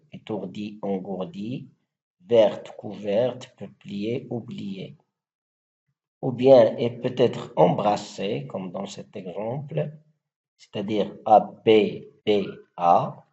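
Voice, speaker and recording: A man giving a lesson on verse, explaining rules and reciting example lines slowly and deliberately. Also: lowish voice, creaky, warm tone. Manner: slow, deliberate, spelling out syllables and rhyme schemes. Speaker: teacher. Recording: dull lo-fi recording.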